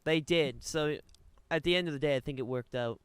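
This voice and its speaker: A young man leading a loose podcast conversation, often laughing and restarting his sentences. His voice is very smooth and clean, a touch higher than usual, and it sits dry and close with no room sound. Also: fairly quick, fairly bright tone, no echo. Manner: laughs often, stumbles and repeats words. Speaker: podcast host. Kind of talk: casual chat.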